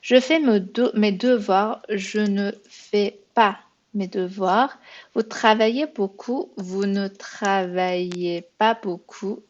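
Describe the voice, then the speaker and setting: A patient woman walks learners through beginner grammar drills at an unhurried pace, musing aloud and correcting herself as she goes. Her voice sits in a middle register, heard through a slightly dull, lo-fi recording. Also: medium pitch, darkish tone. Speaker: French teacher. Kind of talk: beginner language lesson.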